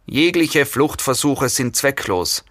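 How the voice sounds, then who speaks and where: A man voicing a monotone female kidnapper in an audiobook reading, flat at first and shrill when agitated. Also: slow pace, dry recording, studio quality, full character voice. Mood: cold.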